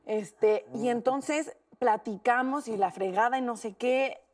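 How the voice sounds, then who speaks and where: A young Mexican woman co-hosting a talk show, telling a story in a lively, slangy way and acting out the quotes. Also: a little high, a little slow, distant mic. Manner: animated, slangy, acts out quotes. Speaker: co-host.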